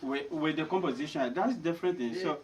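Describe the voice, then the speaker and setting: High-voiced man objecting from across the room. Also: fairly quick, recorded from a distance. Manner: objecting, repeats phrases. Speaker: meeting member. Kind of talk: meeting debate.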